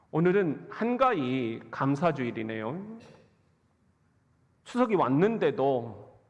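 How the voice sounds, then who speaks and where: A male pastor delivers a sermon in a church, slow and unhurried, with a lively voice that climbs and dips. He tells stories with humor and acts out quoted lines. The sound has a long hall echo and comes through dull and lo-fi. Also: medium pitch, vocal fry. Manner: humorous storytelling with acted-out quotes. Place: church sanctuary.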